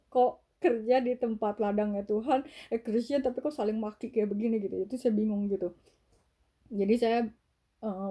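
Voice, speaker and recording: A woman's voice: mid-range voice, mellow. A woman hosting a podcast, telling a personal faith testimony in a chatty way, full of fillers and mixed-in English words. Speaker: podcast host.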